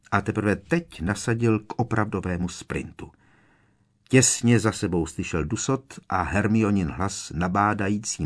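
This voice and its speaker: A man narrating an audiobook in steady scripted storytelling. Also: on the low side.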